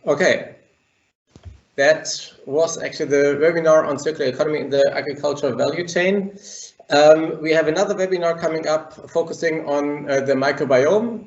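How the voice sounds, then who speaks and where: Man moderating over an echoey group call. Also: a little high. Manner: halting, restarts sentences with many fillers. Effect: group video call audio. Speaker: webinar moderator. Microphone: computer mic on a video call. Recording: dull, echoey call audio.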